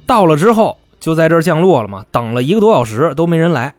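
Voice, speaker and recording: Lively man spinning a crime yarn. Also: fairly high pitch, fast, no room sound, faint music behind. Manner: colloquial, salty, acts out the quoted people. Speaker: podcast host. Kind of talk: casual true-crime storytelling.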